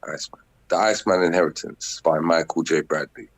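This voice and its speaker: This low-voiced man from the Netherlands talks briskly, and the audio has no echo. A musician guest on a remote call, he chats loosely in a casual interview, laid-back and repetitive, shouting out greetings.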